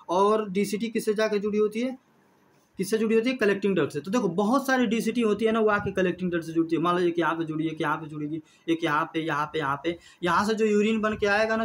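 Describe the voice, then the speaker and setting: A man with a fairly high voice runs a quick biology revision at the board. He asks a question, then answers it himself, and repeats each term over and over. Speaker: biology teacher. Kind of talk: whiteboard revision lesson.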